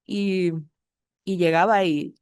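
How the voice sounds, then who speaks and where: A woman with a Mexican accent giving a frank, animated personal testimony at a twelve-step meeting. She acts out the people in her story with varied voices and swears now and then. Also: fairly low pitch, slow, clean tone, dry recording, studio quality. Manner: frank and earthy, with mild swearing. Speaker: speaker sharing her recovery story.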